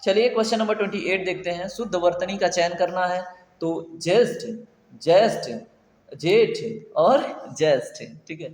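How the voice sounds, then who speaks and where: A man's voice: sits high, fairly even intonation, fairly quick. A man teaching Hindi spelling for an exam, chatty and quizzing his viewers, often checking they follow. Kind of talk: online exam-prep lesson. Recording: echoey room with long reverb.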